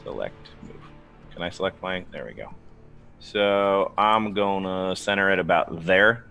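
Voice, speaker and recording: A man playing a tabletop game, talking casually and haltingly as he works out his move. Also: low-pitched, gravelly, sharp tone, soft background music. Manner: halting, working things out as he speaks. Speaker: player in a tabletop RPG. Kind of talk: casual table talk, thinking aloud.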